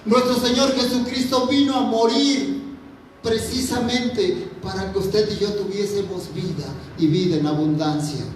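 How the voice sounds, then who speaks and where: A man's voice: high voice, fairly even intonation, unhurried, slight background noise. A man preaching a fervent sermon to a congregation, repeating his phrases as he addresses them. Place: church. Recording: very echoey hall, mic from far off.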